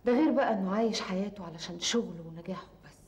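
A woman playing a soft, troubled Egyptian woman. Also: medium pitch, very fast, close to an everyday voice. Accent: Egyptian Arabic. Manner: soft, hesitant, confiding. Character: troubled young woman, hurt and unsure. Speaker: actor in TV drama. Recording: roomy TV drama sound.

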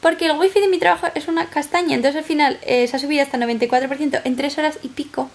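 A woman in her twenties with a Spanish accent from Spain vlogs to camera from her small flat's living room. She talks very fast in a high-pitched, fairly even voice, rambling in a chatty, casual way.

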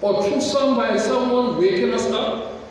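A man preaching a slow, deliberate sermon in a high voice, stopping often to ask his congregation questions. He is picked up from far off in a large church hall, where a long, heavy echo trails after every phrase. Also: slight background noise.

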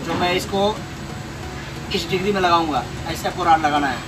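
A man's voice: a little high, moderate pace, over music. A young man with an Indian accent teaching welding step by step, repeating each instruction, recorded on a workshop floor. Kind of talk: hands-on tutorial.

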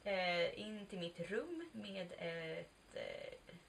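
A vlogger in her twenties tells a personal story in a chatty, candid, confessional way, now and then swearing and acting out snippets of dialogue. Her voice is fairly low, sing-song and gravelly. The mic is distant, with faint background noise.

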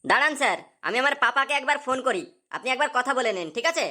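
A woman's voice: high voice, animated, quick pace, sharp tone. A woman voicing a brash young man, the chief's son, in a cartoon. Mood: entitled. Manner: brash and pushy.

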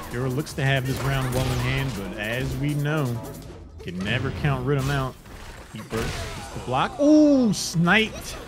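A man's voice: medium pitch, big pitch swings, unhurried. A man giving casual live fighting game commentary, bantering and using slang over the match. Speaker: esports tournament commentator. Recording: music behind the voice.

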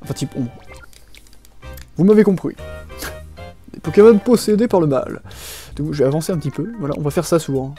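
Young male let's player: sharp, slightly high voice, joking, slangy, rambling game commentary. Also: a little fast, pauses often. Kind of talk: casual gaming commentary, reading dialogue aloud. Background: faint game music.

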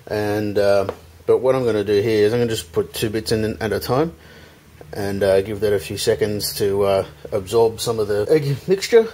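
In a home kitchen, a man in his thirties hosts an informal cooking tutorial, chatting straight to viewers and calling them "guys." His voice sits on the low side with a dark tone and a moderate pace. The recording is clearly noisy.

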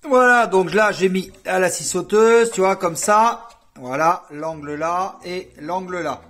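Playful high-voiced man doing DIY. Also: measured pace, fairly bright tone. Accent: put-on southern French. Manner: playful, jokey, talks to viewers, hums and sings bits. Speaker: DIY vlogger. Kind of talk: casual home DIY vlog.

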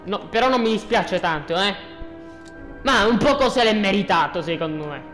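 A gaming host giving casual, joking commentary, excitable and repeating phrases. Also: mid-range voice, normal speed, soft background music.

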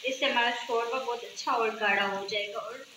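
Speaking from her kitchen at home, a woman runs a cooking channel in a calm, instructive way, frequently ending a step by checking in with her audience. Her pitch sits fairly high, and the room echoes while food sizzles and fries in the pan.

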